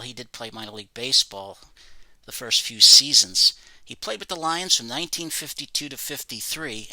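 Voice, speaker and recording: A man's voice: medium pitch, pushed and bright, dry recording, rough recording. A man presenting items from his autograph collection, reading facts about each in a plain, matter-of-fact way. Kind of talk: casual show-and-tell narration.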